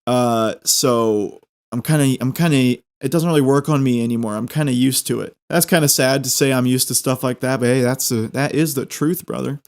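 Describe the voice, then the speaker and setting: A man's voice: medium pitch, moderate pace. A man telling a personal anecdote casually, in a rambling, repetitive and self-deprecating way. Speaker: storyteller.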